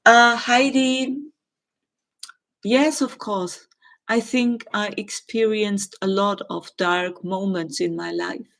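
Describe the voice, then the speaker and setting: A middle-aged woman with a German accent, answering viewer questions in a live chat and pausing often with ums and uhs. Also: medium pitch, fairly even intonation, gravelly. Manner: hesitant, many ums and uhs, gentle.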